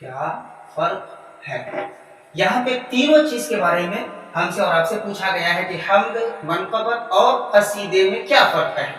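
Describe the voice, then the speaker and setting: Teacher guy dictating slow, kinda high voice, echoey room, mic far off, faint music. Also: a bit bright. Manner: slow dictation, repeating words, then quick explaining. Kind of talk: classroom lesson, dictating answers.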